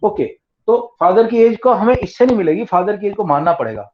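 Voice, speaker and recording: A man's voice: high voice, expressive, fairly quick. A male maths tutor teaching an online class, mixing Hindi and English and explaining step by step with repeated key terms. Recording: dull lo-fi online class audio.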